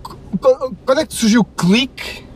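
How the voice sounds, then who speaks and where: A man's voice: very high voice, moderate pace, crowd noise. A man with a European Portuguese accent hosting a casual, slangy chat interview. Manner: informal, slangy. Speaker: host of an in-car YouTube interview show. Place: inside a car being driven. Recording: clear car and road noise.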